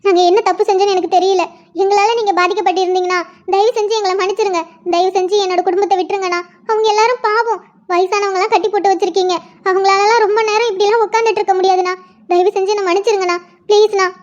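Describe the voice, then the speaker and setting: A woman doing a squeaky pleading hostage. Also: steady tone, very fast. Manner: pleading, tearful begging. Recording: dull lo-fi sound.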